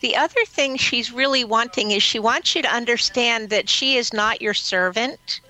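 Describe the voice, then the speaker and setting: A woman acting as an animal communicator on a radio show, who speaks in a calm and matter-of-fact way. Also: on the high side, moderate pace, low-quality recording. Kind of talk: call-in radio advice.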